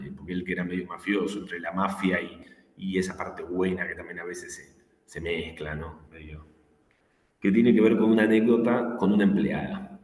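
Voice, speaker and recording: A man's voice: deep voice, darkish tone. A man with a Rioplatense Spanish accent, lecturing an online class and telling anecdotes full of acted-out quotes and fillers. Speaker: teacher. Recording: echoey room with long reverb.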